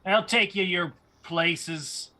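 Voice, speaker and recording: A man puts on a middle-aged village taxidermist for a tabletop game. He is terse and a little creepy. The voice is sharp and sits fairly high. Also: slow pace, heavily acted. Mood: gruff, unhurried. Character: gruff middle-aged stocky townsman taxidermist.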